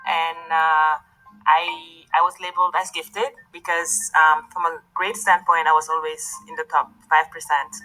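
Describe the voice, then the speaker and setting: A woman's voice: sits low, little pitch movement, a little slow, bright, forceful tone, faint music behind, low-quality recording. A woman from Senegal, answering interview questions thoughtfully and a little hesitantly.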